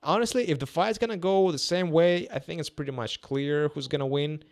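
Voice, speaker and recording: Calling a boxing match live and casually, this Russian-accented man in his twenties, a native Russian speaker, stalls and repeats himself a lot. He speaks briskly at a fairly high pitch into a close podcast microphone on a boom arm, in a small indoor room.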